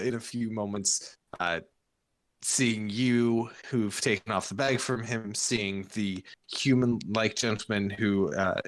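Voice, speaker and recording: A man's voice: on the low side, fairly bright tone, no echo, rough recording. A man narrating an improvised tabletop game as the game master.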